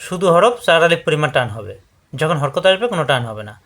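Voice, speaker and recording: A man's voice: fairly high pitch, lively intonation, fast talker, fairly bright tone. A man teaching Quran letter pronunciation. He drills syllables in repeated chanted patterns, corrects wrong forms and tells viewers what to watch for. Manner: addresses viewers directly with instructions. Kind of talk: step-by-step letter pronunciation lesson.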